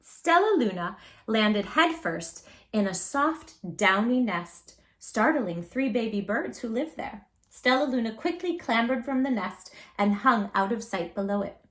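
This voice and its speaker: A woman host with a fairly high-pitched voice narrates a children's story aloud. Her reading is animated and expressive, full of dramatic pauses and elongated emphasis.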